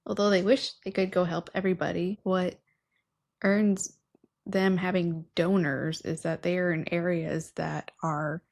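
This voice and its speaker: In a patterned-wallpaper room, a woman in her 30s co-hosts a relaxed podcast through a studio mic on a stand, wearing headphones. Her voice is lowish, gravelly and a bit mellow, with flat, measured delivery, though her manner is earnest and enthusiastic, and she calls herself a nerd.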